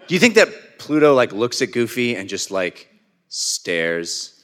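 A man's voice: medium pitch, sing-song, unhurried, a bit bright. A man co-hosting a live podcast panel, dry and wisecracking in casual banter. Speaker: podcast co-host. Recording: reverberant convention hall.

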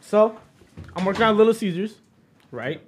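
A young man casually telling a story among friends, animated and slangy, laughing as he goes. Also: sits high, moderate pace, a little hiss or hum.

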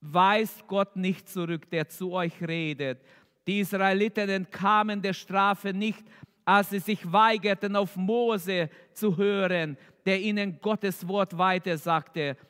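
A man preaching a sermon slowly and emphatically, his voice rising with fervor toward the appeal. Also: sits high, steady tone, fairly bright tone, clean tone. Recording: echoey hall with long reverb.

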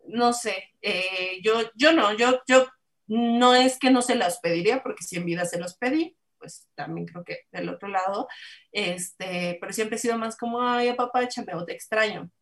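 A woman's voice: mid-range voice, normal speed. A woman, co-hosting a casual chat, talking in a chatty way with many fillers and reading out viewer comments. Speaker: co-host.

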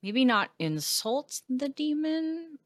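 Animated woman playing a tabletop game. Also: high-pitched, slow pace, dry recording, studio quality. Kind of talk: casual in-game chat.

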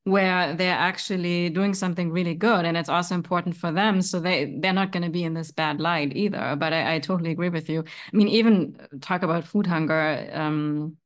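Raised woman hosting, low voice. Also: fairly even intonation, brisk, few pauses. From Germany. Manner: agreeable, with short listening replies. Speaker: podcast host. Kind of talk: casual interview conversation.

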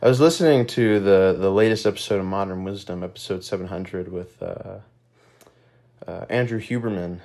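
Lowish-voiced young man with stuffy nose. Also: normal speed, vocal fry, a little mellow. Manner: rambling and reflective, with many fillers and casual swearing. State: slightly out of breath. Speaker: podcast host. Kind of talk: casual solo podcast monologue.

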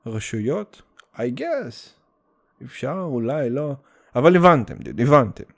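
A man's voice: mid-range voice, very animated. Guy with a russian accent doing a solo podcast, slangy and sweary, rambles and restarts a lot, drops english words. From Soviet Union. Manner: rambling, stop-start delivery. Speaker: podcast host. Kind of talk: casual solo podcast monologue.

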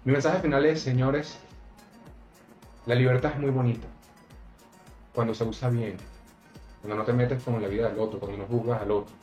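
A man's voice: medium pitch, steady tone, normal speed, long pauses, darkish tone. A man hosting a casual podcast, talking bluntly and emphatically and swearing freely. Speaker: podcast host. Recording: roomy, slightly dull, faint music.

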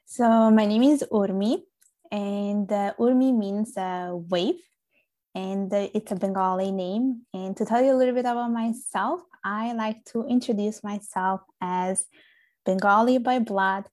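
A young woman from Italy talks as a podcast guest, earnest and chatty with plenty of little fillers. Her pitch sits in a middle range, neither high nor low, and she keeps an easy conversational flow. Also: fairly even intonation, a little slow, a little mellow. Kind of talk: casual interview conversation.

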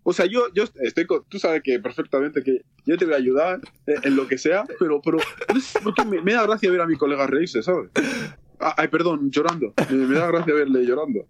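A young man co-hosting a podcast, speaking candidly with many halting repeats. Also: a little high, no echo. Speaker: podcast co-host. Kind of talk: casual chat. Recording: dull, dry lo-fi sound.

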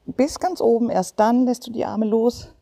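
A woman leading a guided movement session as a coach, giving calm step-by-step cues and counting repetitions. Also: on the high side, moderate pace, vocal fry, no echo. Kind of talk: guided exercise instruction.

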